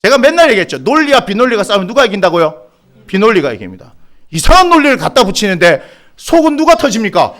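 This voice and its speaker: Middle-aged man, Gyeongsang accent, lively high-pitched preacher who ribs his flock. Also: quick pace. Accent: Gyeongsang Korean. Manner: animated, teasing the congregation by name, bursts of exasperation. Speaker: pastor. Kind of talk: sermon.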